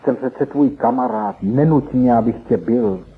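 A man's voice: medium pitch, slightly rough, voice pushed up. A man doing a crying young man pleading. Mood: tearful pleading. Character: tearful young man pleading with his friend. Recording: tinny phone-like lo-fi recording.

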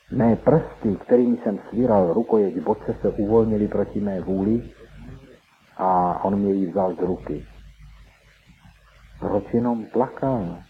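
Low-voiced man narrating on a tinny recording. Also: slight background noise. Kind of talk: first-person audiobook narration.

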